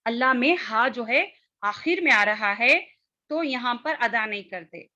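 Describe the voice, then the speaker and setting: A woman's voice: a little high, expressive, pushed and bright, muffled recording. A woman teaching a class on Quran recitation, explaining step by step, demonstrating letter sounds and often checking that her students follow. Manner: explains step by step, checks understanding with repeated "theek hai" and "hm?". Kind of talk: online class lesson.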